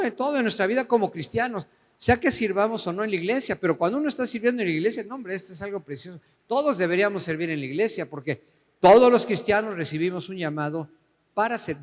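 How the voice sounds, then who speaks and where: A man preaching a sermon as pastor, asking the congregation questions and slowing down to read scripture aloud. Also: high voice, in a large hall. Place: church hall.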